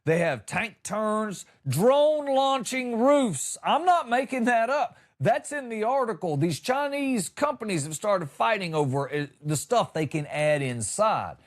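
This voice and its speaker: Riffing on the news for his comedy podcast, this middle-aged American host leans into wry exaggeration and plays out lines himself. He has a high, expressive voice and speaks unhurriedly, with few pauses.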